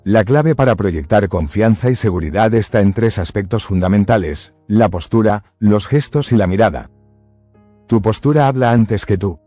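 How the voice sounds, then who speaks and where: A man giving scripted motivational narration in a measured, emphatic way, close to the mic. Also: fairly low pitch, mellow, dry recording, faint music behind.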